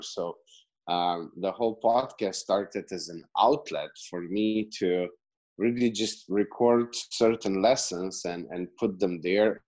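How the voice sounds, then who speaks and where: A man's voice: on the low side, a little mellow, rough recording. A middle-aged man from Slovenia, a podcast guest and business coach, talking in a rambling, chatty way with many fillers and restarts. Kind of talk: casual interview answer.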